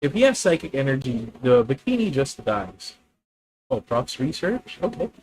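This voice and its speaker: A man's voice: mid-range voice, sing-song, moderate pace, darkish tone, low-quality recording. A man with a Filipino accent thinking aloud as he plays a card game on stream, chatting with viewers. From Philippines. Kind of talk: live card game commentary.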